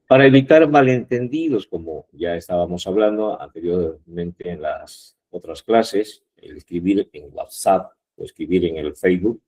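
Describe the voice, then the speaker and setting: A man's voice: low-pitched, warm tone, husky. A man teaching a university grammar class, explaining patiently, repeating points and checking the students follow. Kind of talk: online class lecture.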